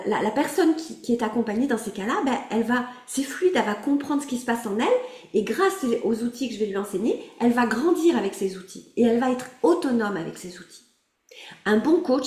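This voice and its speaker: A woman's voice: fairly high pitch, a little mellow. A woman coaching a group through an emotional exercise over a video call, encouraging and laughing often as she calls on people by name. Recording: roomy echo.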